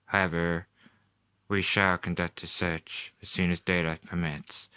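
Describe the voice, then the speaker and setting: A man playing a sceptical astronomy professor in a radio play, speaking in a slow, deliberate and dismissive way. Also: low voice, flat delivery, sharp tone, clean tone, voice pushed down. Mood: calm, dismissive. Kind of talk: 1930s radio drama acting.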